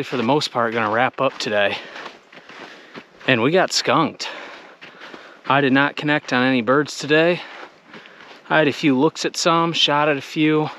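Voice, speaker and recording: A man's voice: medium pitch, bright, forceful tone, a little hiss or hum. A man narrating a day of hunting while walking through hilly woods outdoors, talking to the camera and slightly out of breath. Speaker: hunting vlogger.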